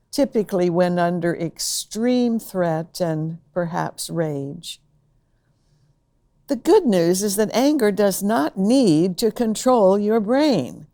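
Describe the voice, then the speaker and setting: A woman specialist giving a measured, scripted explanation. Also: medium pitch, warm tone. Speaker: brain function specialist and co-host.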